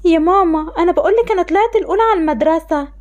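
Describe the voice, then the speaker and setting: A tearful, pleading young girl, voiced by a woman with an Egyptian accent, sounding very high. She talks quickly, as a storybook game character who feels rejected by her family. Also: a little mellow, highs cut off. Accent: Egyptian Arabic.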